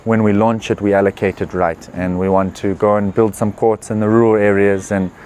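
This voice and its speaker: A man, a professional tennis player answering interview questions in an earnest, relaxed way with many fillers. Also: fairly low pitch, brisk, slight background noise. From Zimbabwe. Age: 20s. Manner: relaxed, earnest, with frequent "uh" and "you know" fillers. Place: tournament venue.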